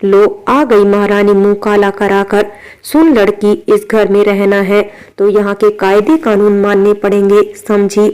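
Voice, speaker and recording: A woman reading the lines of a harsh, scolding middle-aged aunt in a storybook, taunting and shouting. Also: mid-range voice, flat delivery, unhurried, clear, resonant tone, lightly acted. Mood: angry scolding.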